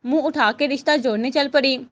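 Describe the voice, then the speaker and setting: A woman's voice: sits high, fairly quick, lo-fi sound, lightly acted. A woman voicing an angry, indignant widowed mother who scolds her daughter, in a storybook reading.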